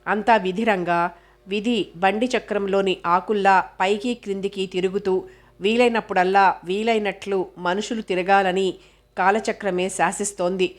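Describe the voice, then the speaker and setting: A woman voicing a sorrowful, resigned young woman in a spoken novel, grave and measured. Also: medium pitch, fairly even intonation, close to an everyday voice.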